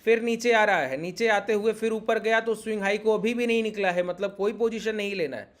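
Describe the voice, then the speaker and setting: A man teaching a trading lesson over a chart, insistent and repetitive, often checking that his point is clear. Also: sits high, steady tone, brisk. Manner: insistent, repeats points, keeps asking if it is clear.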